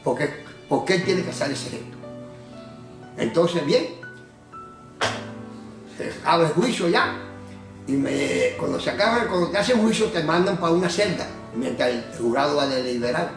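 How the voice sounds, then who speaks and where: A man with a Cuban Spanish accent giving a personal testimony, telling his story in an animated way and acting out the voices of others. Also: fairly high pitch, normal speed, long pauses, roomy sound, soft background music. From Cuba. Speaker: former prisoner giving testimony.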